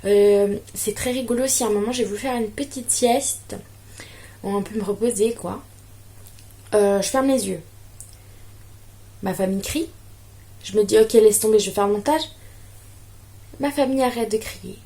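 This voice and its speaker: A woman's voice: mid-range voice, moderate pace, mellow, husky. A young woman from France chatting casually through a home vlog, self-mocking and full of fillers. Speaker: vlogger. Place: home, indoors.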